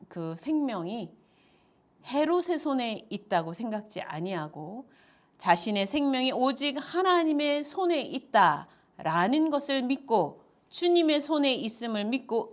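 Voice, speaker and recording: Storytelling woman pastor preaching. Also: fairly high pitch. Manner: storytelling retelling with acted-out quotes and frequent "uh" fillers. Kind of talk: expository sermon.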